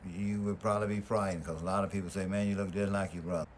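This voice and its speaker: A man's voice: sits low, steady tone, rapid-fire, slight background noise. A middle-aged man from Louisiana, chatting on a phone call in a laid-back way and repeating words as he starts his thoughts. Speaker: brother of the deceased. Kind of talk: casual phone conversation.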